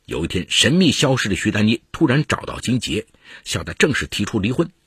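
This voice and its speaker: A man telling a legal case story in a low, husky voice. His pitch swings widely as he dramatizes the events. The sound is dry and close to the mic. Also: very animated, a little fast, fairly bright tone, no echo. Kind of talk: scripted case narration.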